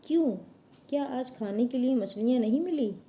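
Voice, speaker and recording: A woman's voice: sits high, expressive, normal speed, highs cut off. A woman reading as a clever, helpful turtle. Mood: friendly.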